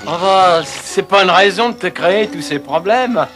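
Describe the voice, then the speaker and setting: A man's voice: high-pitched, animated, normal speed, over music. A man in a French cartoon dub voicing a polite but put-upon little handyman creature, hesitant and easily exasperated. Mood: modest, polite.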